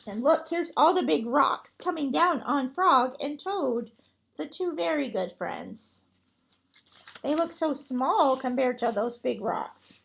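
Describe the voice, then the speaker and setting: A woman librarian reading a picture book aloud to children, gentle and expressive. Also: high-pitched, takes it slowly, creaky.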